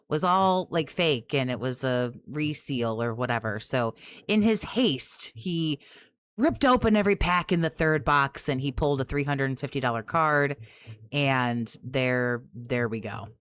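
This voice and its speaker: A woman with a raspy voice full of vocal fry, giving casual, sarcastic commentary as she mocks another stream. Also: extremely low pitch, a bit bright.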